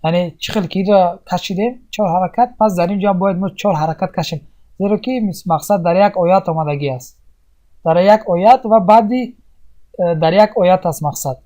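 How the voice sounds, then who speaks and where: A tajweed teacher walks through a recitation lesson step by step, pausing often and posing questions that he then answers himself. The voice is mid-pitched with a dark tone.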